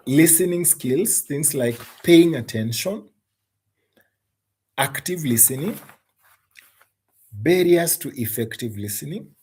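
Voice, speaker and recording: A man's voice: fairly high pitch, animated, slow pace, long pauses, darkish tone, slightly rough. A man with a Kenyan English accent teaching an exam-prep English lesson, emphatic and often repeating words.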